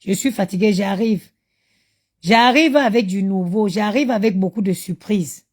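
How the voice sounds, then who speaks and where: Woman, tired, chatty phone live stream, mid pitch, addresses viewers directly. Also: a little slow, a little mellow. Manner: chatty, talks straight to her viewers. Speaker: mother doing a live stream. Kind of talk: casual live-stream chat.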